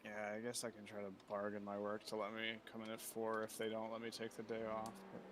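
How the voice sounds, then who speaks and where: A man's voice: on the low side, fast talker, noisy background. Joking man rambling on voice chat. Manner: rambling, joking, self-described monotone. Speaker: sim racing driver. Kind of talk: casual chat over voice comms.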